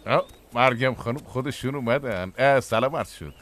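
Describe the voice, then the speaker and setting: A man's voice: mid-range voice, fairly bright tone, natural voice. An actor dubbing a hesitant middle-aged fisherman father in a TV drama. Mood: flustered. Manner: hesitant, lots of fumbling. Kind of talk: dubbed TV drama. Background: music.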